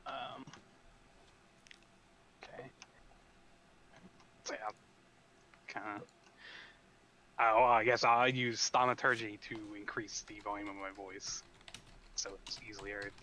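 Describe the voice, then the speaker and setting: A man taking part as a player in a tabletop game, speaking hesitantly with halting restarts. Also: lowish voice, flat delivery, pushed and bright, slight background noise, rough recording.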